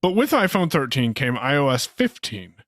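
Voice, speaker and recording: Man, mid-pitched voice, dry close sound, sarcastic casual tech talk. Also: big pitch swings, normal speed, a bit bright, no room sound. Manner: joking with sarcastic asides. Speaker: podcast co-host.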